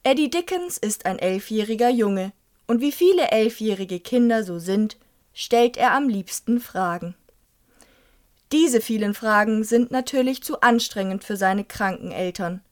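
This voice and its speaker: A woman's voice: fairly high pitch, lively intonation, measured pace. Young woman reviewing and reading a book. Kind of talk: scripted book review with a read-aloud excerpt.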